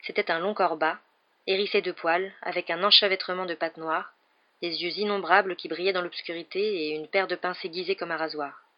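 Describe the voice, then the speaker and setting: A woman reading a chapter of a novel aloud in a steady, even storytelling voice. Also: fairly low pitch, fairly quick, muffled recording. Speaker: audiobook reader.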